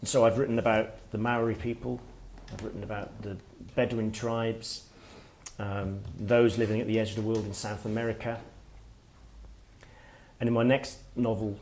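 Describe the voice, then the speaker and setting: A middle-aged man, an author giving a workshop talk, speaking in a reflective, halting way as he thinks aloud. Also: fairly low pitch, little pitch movement, a little mellow, slight background noise. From Wales. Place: workshop room with listeners.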